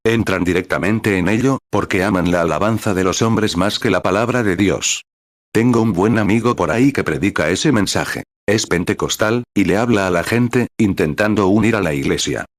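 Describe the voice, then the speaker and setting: A man's voice: low voice, no echo, clean studio sound. A man reading a translated sermon aloud in a preaching cadence, announcing each paragraph number as he goes.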